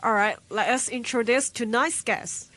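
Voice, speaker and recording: A woman's voice: on the high side, normal speed, fairly bright tone. A woman from Hong Kong co-hosting a radio program, speaking in an earnest, reflective way. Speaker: radio co-host. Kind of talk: scripted radio show hosting.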